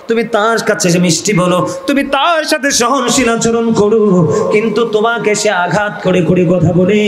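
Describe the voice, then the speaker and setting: A man's voice: sits high, roomy sound. A man with a Comilla Bengali accent preaching a waz sermon and calling out to the crowd for responses. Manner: calls out to the audience for responses, chanting pleas. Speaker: Islamic preacher.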